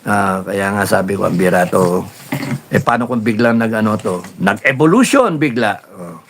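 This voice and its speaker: A man hosting a casual live stream, reading viewer comments and telling stories in a rambling, animated way with many fillers. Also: lowish voice, moderate pace. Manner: rambling, animated storytelling with laughs and repeated fillers.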